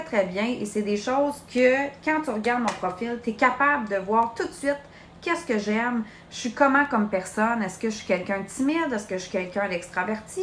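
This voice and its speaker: A woman's voice: a little high, a bit bright. Woman, late twenties, Québécois accent, direct chatty coach, echoey room, faint hiss. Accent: Québécois French. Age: late 20s. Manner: chatty, direct, addresses listener as "tu". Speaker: sales team coach. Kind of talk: live social media training.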